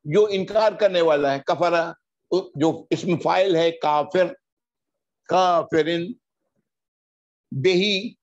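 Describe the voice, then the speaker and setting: Guy teaching arabic grammar in a lesson, slightly high voice, stretches out each word then rattles off the explanation, dull lo-fi sound. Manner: drawn-out recitation of Arabic words between quick explanations.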